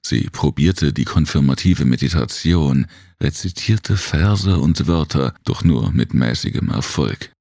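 A man reading a science fiction audiobook in measured scripted narration. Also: a bass voice, animated, gravelly, a little mellow, no room sound, studio quality. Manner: measured storytelling.

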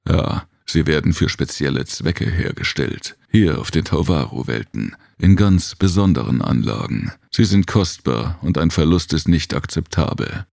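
A man voicing a masked, emotionless alien protector in an audiobook, speaking in measured warnings. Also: a bass voice, expressive, vocal fry, darkish tone, dry recording, clean studio sound, full character voice. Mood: cryptic. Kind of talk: audiobook character voice.

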